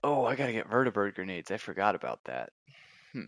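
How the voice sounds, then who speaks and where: A man's voice: on the low side, big pitch swings, fast, fairly bright tone. A man giving casual, laid-back let's play commentary, thinking aloud as he plays. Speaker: gameplay streamer.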